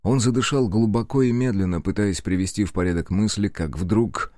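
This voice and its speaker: A male narrator reads an audiobook with measured, even storytelling. His voice sits on the low side, and the recording is close and dry. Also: no room sound. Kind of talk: scripted narration.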